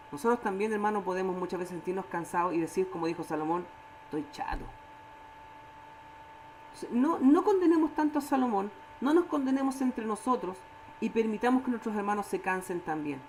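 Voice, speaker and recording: A woman with a Chilean Spanish accent leading a church Bible study, animated, acting out quoted voices and often checking in with her listeners. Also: medium pitch, slight background noise, poor audio.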